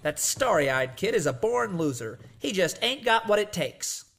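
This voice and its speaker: A woman's voice: mid-range voice, very animated, a little slow. A woman playing a bossy, cynical, folksy schemer who coaches a youngster in a children's cartoon adventure. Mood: scornful, bossy.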